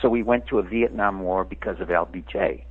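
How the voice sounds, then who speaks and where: A man's voice: sits low, a little fast, breathy edge. A man in his seventies who grew up in France, a radio interview guest lecturing in an emphatic way. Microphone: phone. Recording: tinny phone line.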